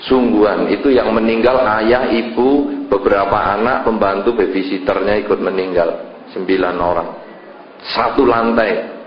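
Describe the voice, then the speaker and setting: A man, a Buddhist monk giving a sermon as a lively storyteller who acts out scenes with sudden jumps in his voice. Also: lowish voice, moderate pace, slight background noise. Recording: echoey hall, dull lo-fi sound.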